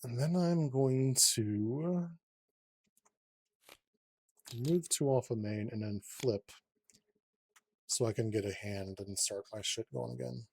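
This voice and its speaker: A man's voice: fairly low pitch, a little slow, vocal fry, a little mellow, slightly rough. A man casually talking himself through a solo card game, counting cards under his breath and swearing freely. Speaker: solo card game player and channel host. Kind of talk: casual tabletop card game playthrough commentary.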